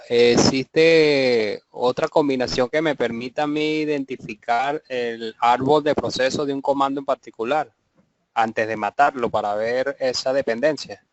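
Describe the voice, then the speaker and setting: A man's voice: medium pitch, a little slow, no echo. A man taking part in an online workshop, carefully asking the instructor a technical question. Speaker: workshop participant. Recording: dry, dull lo-fi webinar audio.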